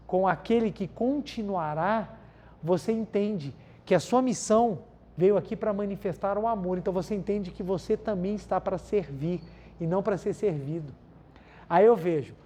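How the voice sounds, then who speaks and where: Brazilian male spiritual lecturer, warm dark tone, talks to the crowd directly, restates his points. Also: high voice. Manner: keeps addressing the audience as "gente", repeats key phrases for emphasis. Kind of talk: spiritual talk with everyday anecdotes.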